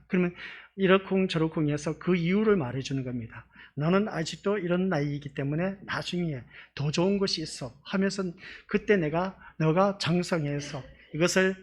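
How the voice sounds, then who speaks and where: A pastor giving a conversational sermon in a church, often asking the congregation rhetorical questions. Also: male voice, high-pitched.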